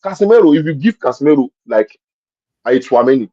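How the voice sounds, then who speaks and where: A man's voice: mid-range voice, lively intonation, fairly quick, mellow, no room sound, highs cut off. A man talking football in a casual match-review chat. He makes his points with force, repeats them, and explains with examples. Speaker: football pundit.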